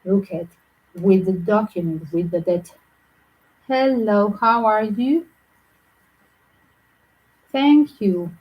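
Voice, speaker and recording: A tarot reader from Southern Europe gives a reading in quick, chatty, non-native English with a mixed Greek and Yugoslav accent. Her voice is medium-pitched and the recording is muffled.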